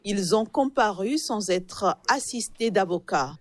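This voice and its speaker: Woman doing a news report, measured and formal. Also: mid-range voice, expressive. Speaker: news reader.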